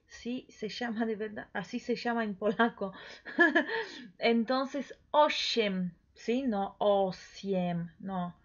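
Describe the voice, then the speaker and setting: Woman, language teacher, drawn-out repetitions, very slow delivery, muffled lo-fi sound. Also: on the high side, lively intonation. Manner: repeats each word slowly, coaxing the listener to echo. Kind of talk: slow pronunciation lesson. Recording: dull lo-fi recording.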